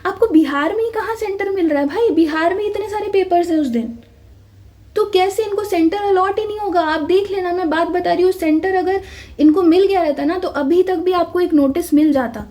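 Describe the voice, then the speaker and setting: A woman's voice: very high voice, fairly quick, mellow. A woman giving a casual, insistent exam-update talk to viewers, often calling them "bhai" and checking in with "theek hai".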